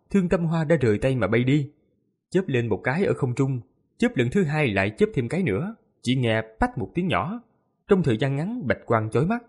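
Expressive male audiobook narrator, husky. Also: mid-range voice. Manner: lively, expressive storytelling. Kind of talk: audiobook narration of a fantasy novel.

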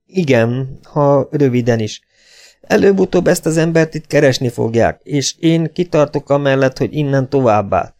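A man's voice: mid-range voice, animated, a little mellow, close to an everyday voice. A man voicing a tense grown son who firmly insists to his old mother, in an audiobook. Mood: pleading. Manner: firm, insistent, sometimes pleading. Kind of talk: audiobook character voice.

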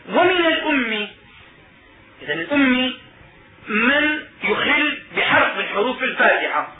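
A man explaining religious law in a lesson, spelling out sounds slowly and repeating his examples. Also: very high-pitched. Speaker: lecturer on Islamic jurisprudence. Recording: roomy phone-quality recording of a distant speaker before an audience.

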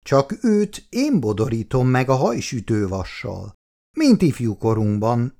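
A man's voice: mid-range voice, a little mellow. A man voicing a doting, fussy middle-aged mother in a reading.

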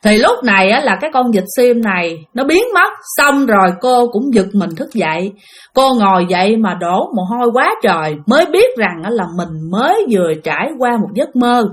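A woman's voice: on the high side, very animated, moderate pace. A woman with a Southern Vietnamese accent telling a ghost story in a chatty way, speaking directly to her listeners. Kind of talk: spoken ghost story narration.

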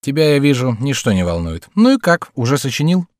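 A man's voice: mid-range voice, big pitch swings, brisk, no room sound, clean studio sound, pitched above the performer's own voice, lightly acted. A man voicing a jovial, teasing joker who speaks with mock seriousness in a raised, boisterous voice.

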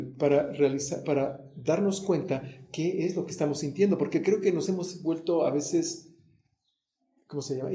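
Man, central Mexican accent, middle-aged preacher, conversational sermon, dark mellow tone, echoey room. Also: on the high side. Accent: central Mexican Spanish. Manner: conversational, acts out quoted prayers and dialogue.

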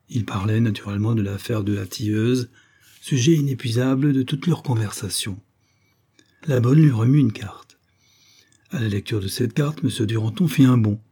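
Dark, husky male audiobook narrator. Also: mid-range voice. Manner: measured, theatrical reading. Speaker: audiobook reader. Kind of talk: scripted narration of a novel.

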